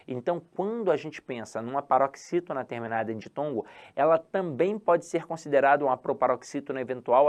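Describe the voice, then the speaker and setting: Man teaching with stretched emphasis. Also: medium pitch. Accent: Brazilian Portuguese. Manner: lively, drawn-out emphasis on key words, asks and answers his own questions. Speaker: Portuguese language teacher. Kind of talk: exam-prep video lesson.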